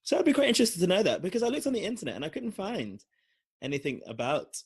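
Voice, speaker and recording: A man's voice: high voice, quick pace, husky. A young man from London with a London accent, telling a long personal story on a podcast with lots of fillers. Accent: London English. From London, England. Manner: rambling, animated storytelling with frequent fillers. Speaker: podcast co-host. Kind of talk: casual storytelling chat.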